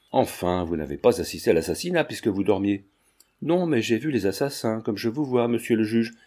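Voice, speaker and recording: Audiobook reader, man, middle-aged, mellow tone, steady narration, characters only lightly set apart. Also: mid-range voice. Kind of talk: scripted narration of a classic novel.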